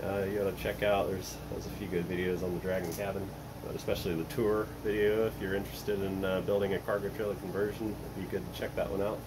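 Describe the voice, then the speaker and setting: A man in his thirties casually walking through his camping kitchen gear at home, chatty and relaxed with frequent fillers. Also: deep voice, fast talker, background noise. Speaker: vlogger showing camping gear. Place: cluttered home storage room and kitchen, indoors.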